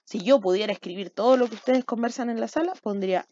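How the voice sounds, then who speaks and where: A woman's voice: fairly high pitch, quick pace, dark tone. Patient Chilean woman teaching children. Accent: Chilean Spanish. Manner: patient, checks understanding with frequent "¿ya?". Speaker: primary school teacher. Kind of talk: recorded remote language lesson for children. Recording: dull, dry lo-fi home recording.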